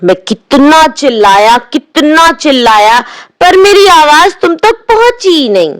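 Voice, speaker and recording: A woman's voice: high-pitched, big pitch swings, measured pace. A woman voicing a timid, frightened young boy who stammers and whimpers. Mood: pleading.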